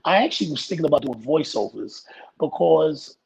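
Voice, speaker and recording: Raspy-voiced man, laid-back storyteller. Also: fairly high pitch, lively intonation, fairly quick, rough recording. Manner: laid-back, rambling storyteller who laughs often. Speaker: guest actor. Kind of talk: casual interview chat.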